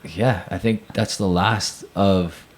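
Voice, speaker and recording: A man's voice: low-pitched, steady tone. A man co-hosting a podcast in casual chat, blunt and opinionated. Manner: blunt, opinionated, drawn-out emphasis. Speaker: podcast co-host.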